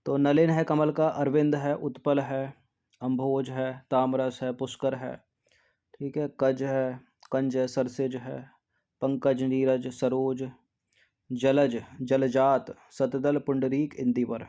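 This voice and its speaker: Teacher drilling spelling, dark voice. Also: male voice, level tone, slow, lo-fi sound. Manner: repeats words to drill spelling; drops to a soft low aside after answers. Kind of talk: exam practice lesson.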